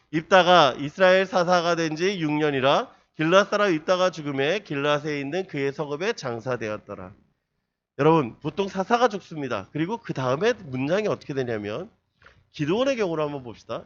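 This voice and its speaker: A young man preaching a sermon as youth pastor, animated, asking the congregation questions and answering them himself, and rising to loud, emphatic pleading. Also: fairly high pitch, highs cut off.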